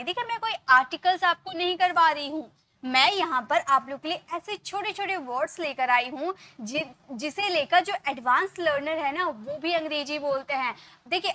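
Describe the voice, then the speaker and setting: A woman's voice: high voice, bright, forceful tone, no room sound. A woman English teacher from India explaining a lesson step by step, asking questions and answering them herself. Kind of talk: classroom-style explanation.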